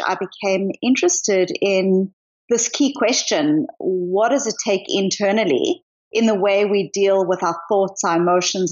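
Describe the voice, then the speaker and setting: A woman's voice: mid-range voice, lo-fi sound. A middle-aged woman from South Africa with a mixed accent, a psychologist speaking thoughtfully as a guest in an interview. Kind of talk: interview conversation.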